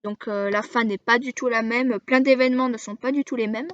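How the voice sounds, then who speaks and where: A woman casually explaining to camera as an anime video creator, halting and pausing often as she works through a list. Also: fairly high pitch, fairly even intonation, no echo. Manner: halting, frequent hesitations while listing titles. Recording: dull lo-fi dry recording.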